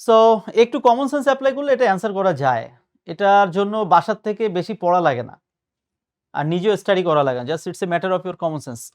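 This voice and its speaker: A man's voice: high-pitched, lively intonation, fairly quick, clean tone. Man tutoring on pronunciation. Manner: patient, explanatory, mixing English words. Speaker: admission test tutor. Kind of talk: casual spoken lesson.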